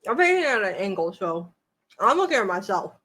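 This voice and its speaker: A woman's mid-range voice comes across very animated, a little fast, and sharp, with a bit of hiss or hum in the recording. She hosts a casual home podcast on a camera mic, rambling and joking at her own expense.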